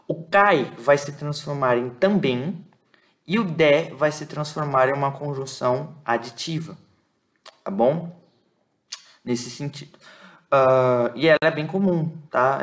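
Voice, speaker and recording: A man teaching a lesson. He explains patiently, repeats words slowly and keeps checking that his listeners follow. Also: mid-range voice. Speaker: Bible Greek teacher.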